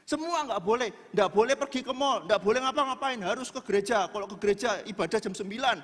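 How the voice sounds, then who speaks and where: Preacher guy, high voice, chatty jokey sermon, long church hall echo. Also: quick pace, fairly bright tone. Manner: chatty, joking with the congregation.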